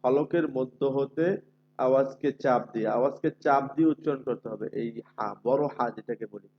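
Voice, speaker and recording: A man teaching Quran recitation in an online class, patiently repeating letter sounds slowly for his students. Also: medium pitch, highs cut off.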